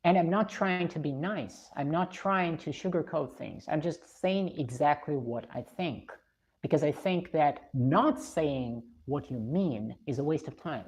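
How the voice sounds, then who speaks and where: A woman's voice: deep voice, unhurried, darkish tone. A woman from Russia, live streaming, reading viewer comments and giving blunt, opinionated views.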